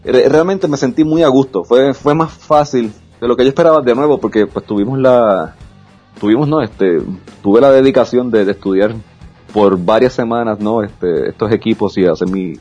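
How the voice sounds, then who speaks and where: Over faint music, this man, an esports caster whose first language is Spanish, talks in a casual interview with a self-assured, frank manner, often restarting his sentences. His mid-range voice is a little mellow, at a normal speed, and the highs are cut off.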